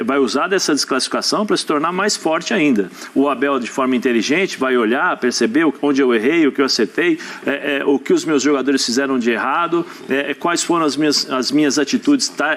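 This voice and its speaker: A man with a Brazilian accent giving studio football analysis, deliberate and restarting phrases as he reasons aloud. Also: medium pitch, a bit bright. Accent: Brazilian Portuguese. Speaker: sports TV commentator.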